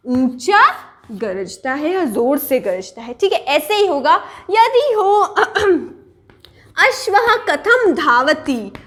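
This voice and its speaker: Woman teacher, slow deliberate delivery, walks students through examples with frequent check-ins. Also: very high-pitched, bright, forceful tone. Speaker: Sanskrit teacher. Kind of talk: online language lesson.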